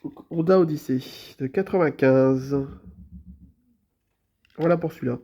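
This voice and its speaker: Man with a stuffy nose, chatty and mellow. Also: a little high, measured pace. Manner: easygoing, chatty, full of hesitations and repeated fillers. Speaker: toy car collector presenting his collection. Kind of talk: casual show-and-tell vlog.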